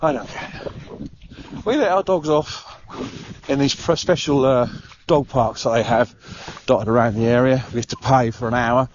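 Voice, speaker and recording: Middle-aged male vlogger, slightly winded, chatty and rambling; dull handheld sound with steady outdoor noise. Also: medium pitch, normal speed. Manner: rambling, chatty, with frequent "uh" and restarts. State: out of breath. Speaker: travel vlogger. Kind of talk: casual walking vlog. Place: outdoor park by the water.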